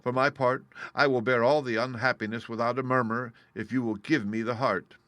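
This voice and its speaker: A man's voice: mid-range voice, fairly even intonation, a little fast, a bit bright, dry recording, close to an everyday voice. A man reading aloud and voicing a tin woodman who earnestly asks for a heart.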